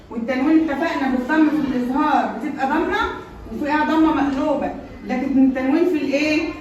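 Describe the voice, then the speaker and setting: A woman with an Egyptian accent teaching a children's Quran recitation lesson, who asks the class question after question, answers them herself and stretches out her examples in a sing-song way. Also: high-pitched. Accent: Egyptian Arabic. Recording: very echoey room, voice from far off, with noise.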